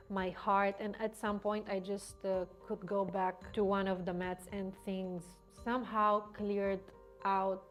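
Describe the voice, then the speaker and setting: A young woman whose first language is German tells a personal story straight to the camera in a relaxed vlog manner. Her voice sits at a middle pitch and turns animated as she goes, with frequent laughs and restarted words. Soft music plays faintly underneath. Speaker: vlogger.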